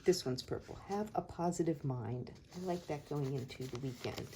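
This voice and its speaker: A woman chatting casually and thinking aloud in an unhurried, musing way as she hosts a planning session. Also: low-pitched, mellow, slight background noise. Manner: unhurried, musing, talks to herself while working. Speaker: host of a planner decorating video.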